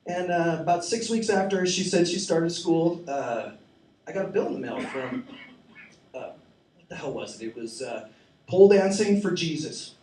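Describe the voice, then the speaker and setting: A man's voice: on the high side, lively intonation, moderate pace, darkish tone. Rambling, profane man in his forties on stage. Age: 40s. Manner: rambling, profane and self-mocking. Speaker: stand-up comedian. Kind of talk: open-mic stand-up set. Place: small cafe stage. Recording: echoey room, mic at a distance.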